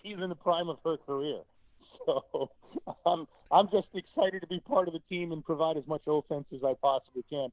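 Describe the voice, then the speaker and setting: Male broadcaster guest on a phone line: confident, wry, a bit high-pitched, dry and tinny. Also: normal speed, no echo. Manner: confident, joking, lively analysis. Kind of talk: sports talk call-in.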